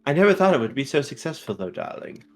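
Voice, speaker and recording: Man playing a suave, drawn-out theatrical charmer. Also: a little high, big pitch swings, faint music behind. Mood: breezy, coaxing. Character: suave theatrical companion who calls everyone darling.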